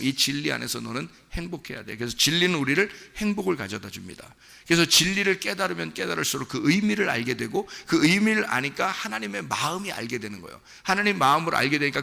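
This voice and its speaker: In a church sanctuary, a pastor preaches a sermon from the pulpit in a fairly high, heavily gravelly voice that is bright and forceful. He speaks earnestly and conversationally, as though addressing each listener personally. A long reverb carries his voice through the hall.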